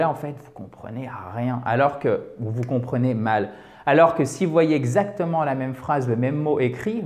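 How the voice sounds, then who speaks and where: A man's voice: a little high, a little mellow. A man whose first language is French, explaining English pronunciation in a video lesson, repeating his points and checking in with "ok". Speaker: English teacher.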